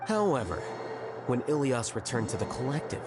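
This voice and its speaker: An actor playing a calm, rational male scholar in a video game, speaking in a dry, matter-of-fact way. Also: mid-range voice, normal speed, loud music behind the voice, close to an everyday voice. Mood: coolly rebutting. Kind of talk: scripted video game acting.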